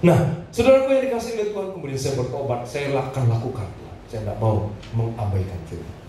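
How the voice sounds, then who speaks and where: A man's voice: mid-range voice, lively intonation, fast, warm tone, a little hiss or hum. A man preaching a sermon to a congregation, telling a personal story and laughing between phrases. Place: church hall. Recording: echoey hall, voice from a distance.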